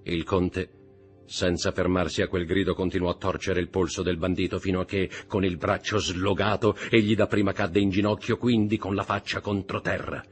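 A man narrating a dramatic novel in a measured, expressive storytelling manner. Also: low-pitched, faint music behind.

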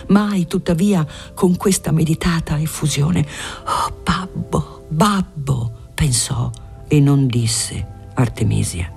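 A measured literary audiobook narration that sinks into whispers at tender moments, read in a breathy voice. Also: mid-range voice, dark tone.

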